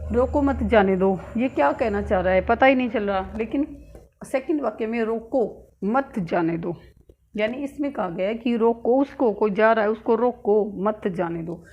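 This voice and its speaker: A woman teacher giving a grammar lesson, speaking slowly and repeating key words with frequent filler sounds. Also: on the high side, darkish tone. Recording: dull lo-fi sound with faint noise.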